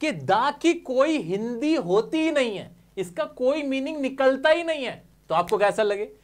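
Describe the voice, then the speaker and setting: A man's voice: very high voice, very animated, unhurried. A man teaching English grammar, explaining step by step, often asking his listeners questions and answering them himself while calling them dear friends.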